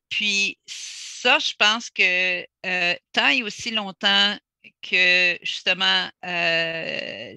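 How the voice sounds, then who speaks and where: A woman takes part in a panel discussion over a video call. She speaks slowly and deliberately, stopping to find her words. Her voice is very bright and gravelly, and the sound is dry and close. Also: lowish voice, no echo. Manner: measured, thoughtful, pauses to search for words.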